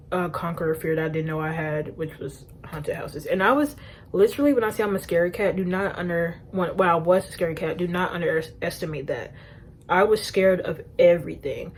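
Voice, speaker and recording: A young woman vlogger telling an animated storytime to her phone camera, often laughing at herself. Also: on the low side, a little hiss or hum. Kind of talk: storytime vlog.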